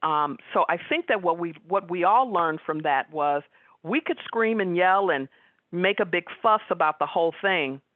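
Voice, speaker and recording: A woman giving a webinar talk as guest speaker, chatting with the audience and pausing on fillers. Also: lowish voice, animated, no echo. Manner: conversational, frequent fillers. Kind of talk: webinar presentation with audience questions. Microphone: video call. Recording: tinny phone-like line.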